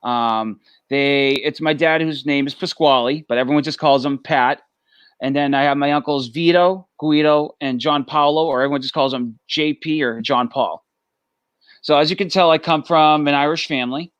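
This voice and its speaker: A man's voice: a little high, a bit bright, clear, resonant tone, dry recording, muffled recording. A young man with a thick Boston accent, chatting casually as a guest on a video call with plenty of fillers. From Massachusetts, USA. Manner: easygoing, halting with fillers. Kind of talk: casual chat.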